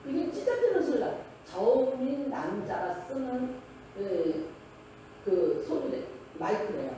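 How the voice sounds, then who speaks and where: A woman's voice: on the high side, mellow. A woman pastor giving a chatty, joking sermon full of personal anecdotes. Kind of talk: conversational sermon. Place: church sanctuary. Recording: very echoey hall, distant mic, faint hiss.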